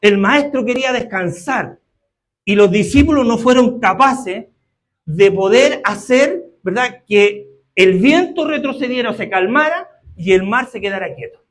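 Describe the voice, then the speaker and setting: A man preaching a sermon. His voice sits high, and he keeps pausing to ask his listeners whether they agree before he presses on. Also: lively intonation. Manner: keeps asking the congregation for agreement.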